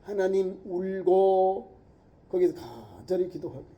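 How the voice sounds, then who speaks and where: A man's voice: sits high, lively intonation, unhurried, lo-fi sound. A middle-aged male pastor preaching a sermon with emphatic rhetorical questions.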